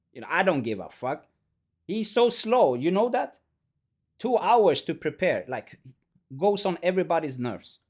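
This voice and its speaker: A young man from Sweden tells a casual anecdote in English, blunt and profane, his sentences broken and his laughter never far off. His voice sits a little high and swings widely up and down. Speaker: tournament player.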